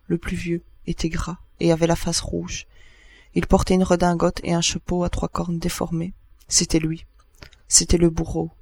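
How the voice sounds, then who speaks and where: A man reading a first-person literary text aloud as narrator, in a measured way with short pauses between phrases. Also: high-pitched, creaky, darkish tone, no echo.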